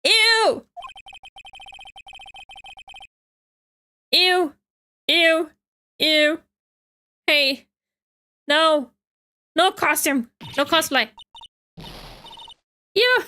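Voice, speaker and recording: A woman's voice: high-pitched, lively intonation, extremely slow, long pauses, bright, forceful tone, exaggerated voice. A woman reading a boastful, sneering nerdy male TV director in a video game, talking in slang. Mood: disgusted.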